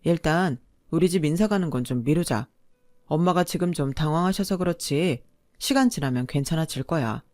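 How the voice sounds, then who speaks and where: A woman voicing a gentle, meek young man who pleads softly and avoids conflict. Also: deep voice, normal speed, no room sound, studio quality, faint music behind, close to an everyday voice. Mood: apologetic. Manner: soft-spoken, pleading.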